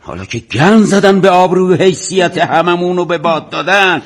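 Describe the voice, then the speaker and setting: Brief: a gruff, sarcastic older father, slightly high voice, scolding. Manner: scolding, mocking. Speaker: family father. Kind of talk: TV drama acting.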